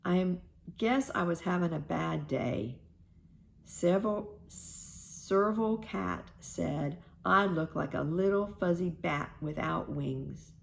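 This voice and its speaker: A woman's voice: fairly low pitch, takes it slowly, gravelly, slight background noise. A woman doing a sheepish little fennec fox. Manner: apologetic. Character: sheepish, big-eared male fennec fox. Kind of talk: children's storybook reading.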